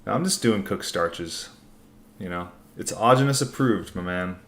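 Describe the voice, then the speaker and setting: A man's voice: sits low, expressive, moderate pace, fairly bright tone, a little hiss or hum. A man hosting a casual livestream Q&A, reading out comments and answering in a laid-back, informal, rambling way. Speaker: livestream host.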